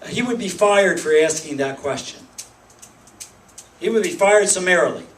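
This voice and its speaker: Speaking at normal speed in a high, animated voice, a man from Pennsylvania, United States addresses a group meeting informally, often restarting and listing points emphatically. The recording is echoey, his voice picked up from a distance.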